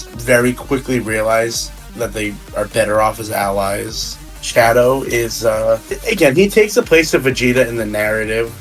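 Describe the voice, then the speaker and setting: Drunk male guest, casual and rambling, halting delivery with restarts, mid-range voice, music playing behind. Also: medium pitch, rough recording. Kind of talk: casual rambling fan discussion.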